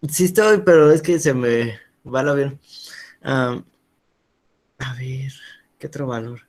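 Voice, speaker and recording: Relaxed, joking man student. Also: medium pitch, slow.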